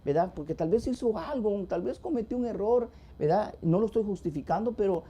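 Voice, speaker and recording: A man's voice: high-pitched, lively intonation, fairly quick, dark tone, slightly rough, dull audio. A man co-hosting a church TV program, earnestly retelling a Bible parable in a devotional talk. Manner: earnest, emphatic retelling with acted quotes. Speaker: church TV co-host.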